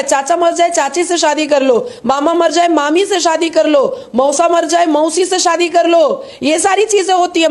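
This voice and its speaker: Woman commentator, high pitch, forceful rhetorical delivery.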